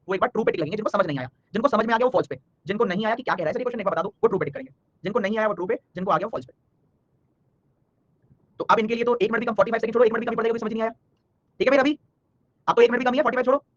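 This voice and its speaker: A man leads a live online exam-prep class at a fast pace, his voice high and bright. Between problems he jokes with and scolds students by name. The recording is dry and slightly dull, with no sense of the room.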